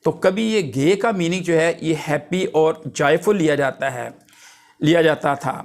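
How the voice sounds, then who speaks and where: A male English teacher giving a lecture, reading definitions out slowly and then explaining them in plain terms. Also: on the high side.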